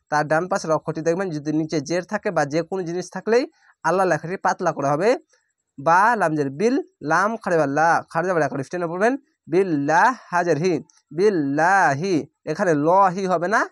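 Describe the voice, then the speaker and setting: A man teaching Quran reading, spelling out each syllable slowly and then blending it into the word. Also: a little high, no echo, clean studio sound. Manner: draws out recited words very slowly. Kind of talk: slow letter-by-letter recitation lesson.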